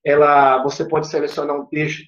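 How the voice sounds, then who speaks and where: A man's voice: fairly high pitch, little pitch movement, a little fast, a bit bright. Man teaching online, echoey lo-fi sound. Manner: explains step by step, repeats English clips aloud. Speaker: English teacher. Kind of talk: online lesson with screen demo. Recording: echoey room, dull lo-fi sound.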